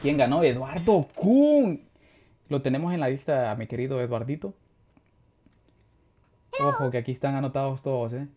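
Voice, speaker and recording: A young man with a Mexican Spanish accent giving chatty live gameplay commentary, greeting viewers and letting out excitable exclamations. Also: mid-range voice, moderate pace, long pauses, no echo. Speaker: streamer.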